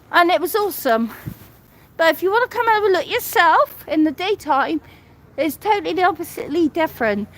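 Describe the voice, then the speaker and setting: A woman giving a casual live walking tour outdoors at night, a little out of breath and rambling, often repeating and restarting phrases as she walks. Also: high-pitched. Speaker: vlogger. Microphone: phone held while walking.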